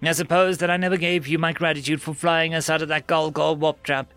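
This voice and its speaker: A man voices a stern, commanding female starship captain, pitching above his own voice yet staying close to an everyday one. It's fairly high and fairly bright, level in tone and a little fast, with soft background music.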